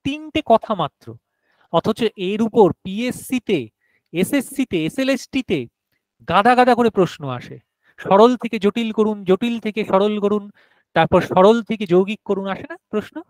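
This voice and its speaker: A man's voice: high-pitched, animated, a little slow, darkish tone, no echo, low-quality recording. A male teacher giving a grammar lesson to a class, explaining step by step and often asking whether everyone has understood.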